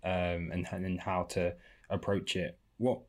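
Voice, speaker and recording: Deep-voiced male podcast host. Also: flat delivery. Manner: measured, drawn-out questions. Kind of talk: casual discussion.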